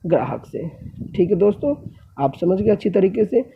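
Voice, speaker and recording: A man teaches an economics lesson in a high, gravelly voice with a husky edge. He works through his examples step by step and keeps addressing his listeners as friends. The sound is thin and tinny, like a phone line. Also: lively intonation, moderate pace. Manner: explains step by step, often addressing viewers as friends. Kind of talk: classroom lecture.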